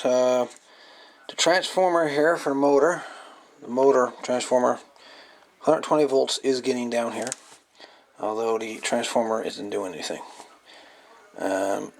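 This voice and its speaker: Unhurried and gravelly, with long pauses, a man's mid-range voice explains a hands-on repair at an indoor workbench. This hobbyist radio repairer presents casually and matter-of-factly, off the cuff, on a noisy amateur camera recording.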